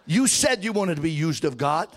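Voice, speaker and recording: A man preaching a fervent revival sermon in the manner of a Southern preacher, using repetitive rhythmic phrases and call-and-response, moving between conversational asides and shouted, half-sung proclamation. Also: a little high, lively intonation, normal speed.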